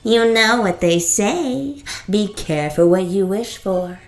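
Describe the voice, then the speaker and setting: A woman voicing a stern, sly male genie who speaks in slow, drawn-out warnings. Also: mid-range voice, roomy sound. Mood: ominous.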